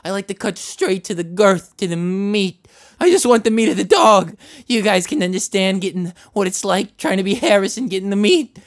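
Pitched high and animated, this man's voice moves at a normal speed as he acts out a desperate cartoon figure for an animated short. The character pleads and rambles, insisting on his identity, repeating himself and fumbling through restarts.

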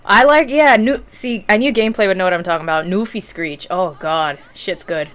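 Her voice sits in the mid-range, a bit bright, and she talks fairly quickly. A young woman streams herself playing a video game at home, commentating casually into a headset mic in a small room in let's play style. She's talkative, easily sidetracked, and given to the odd laugh or curse.

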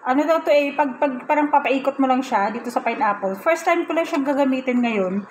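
A woman's voice: high voice, a little fast, slight background noise, poor audio. A woman chatting casually in a home kitchen vlog, giggly and self-mocking. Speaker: vlogger.

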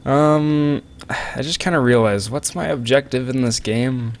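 A man's voice: medium pitch, a little slow. Joking man commentating a horror game. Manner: joking, rambling, talks to viewers. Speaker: let's play commentator. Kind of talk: casual gameplay commentary. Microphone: close desk microphone.

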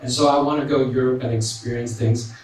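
A young Australian man with a mid-range, slightly mellow voice reads prepared points on a panel, speaking a little fast with fairly even intonation and plenty of ums and tag "right?"s. He talks into a handheld mic in a large hall, and the distant mic picks up heavy echo and faint noise.

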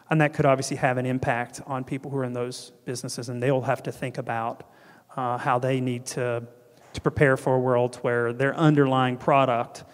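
On stage in a big hall, a middle-aged North Carolinian speaks as keynote speaker and panel guest, mixing a conference keynote with a fireside chat. He uses a handheld mic and a medium-pitched voice, sounding earnest, gesturing broadly, and frequently restarting with ums amid hall reverb.

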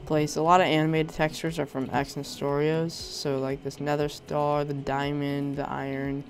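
Faint music plays behind a young man who, despite a sore throat, gives casual commentary while showcasing a Minecraft resource pack. He speaks at a moderate pace in a fairly high, level voice, rambling hesitantly and often restarting with ums.

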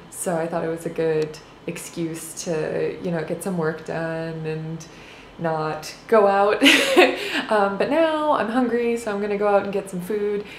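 A young woman in her twenties chatting casually to a handheld camera in a small hotel room, rambling with lots of fillers and little laughs. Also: fairly low pitch. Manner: rambling, filler-heavy, giggly. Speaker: vlogger. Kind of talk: casual vlog chat. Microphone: handheld camera close up. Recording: roomy hotel room sound, faint hiss.

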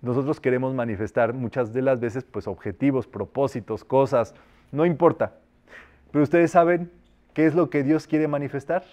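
A man teaching a metaphysics class, urging listeners on in a colloquial way and slowly intoning spoken decrees. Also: medium pitch, steady tone, a little mellow. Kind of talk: spiritual class leading group decrees.

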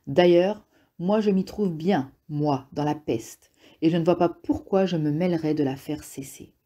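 A woman reads a jittery middle-aged man who blusters and pleads by turns in this audiobook. The voice sits low and dark, with a husky grain. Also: normal speed. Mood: defensive, agitated. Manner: agitated, blustering, sometimes pleading. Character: nervous middle-aged male rentier, defensive.

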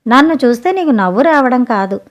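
A woman's voice: a little high, lively intonation, brisk, close to an everyday voice. A woman voicing a blunt, impatient grown fisherman in a spoken storybook, who keeps demanding answers. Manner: demanding, questioning.

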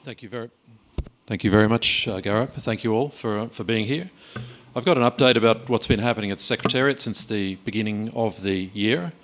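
A middle-aged man presenting a report at a conference lectern, steady and matter-of-fact. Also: on the low side, brisk. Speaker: organisation head giving a report. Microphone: lectern microphone.

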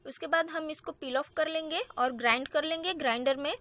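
A woman's voice: high voice, brisk, a bit bright, no room sound. A woman hosting a home beauty channel, narrating a do-it-yourself tutorial in a chatty way. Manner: chatty, repeats "so guys". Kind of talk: DIY tutorial voice-over.

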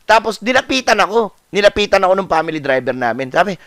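Animated high-voiced man telling a story. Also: fast talker, no echo, studio quality. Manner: animated, acts out dialogue with repetition. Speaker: vlogger. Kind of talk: casual storytelling vlog.

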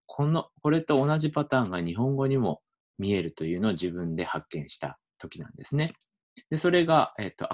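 Lively man explaining linguistics. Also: lowish voice, lo-fi sound. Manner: relaxed, thinks aloud with many fillers. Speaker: linguistics researcher. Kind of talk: explanatory lecture video.

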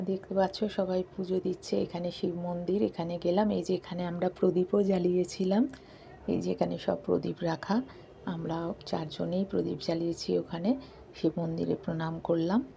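Hushed gravelly woman narrating softly. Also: on the low side, a little hiss or hum. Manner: hushed, late-night talking. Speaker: vlogger. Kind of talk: softly spoken voice-over narration. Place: balcony at night.

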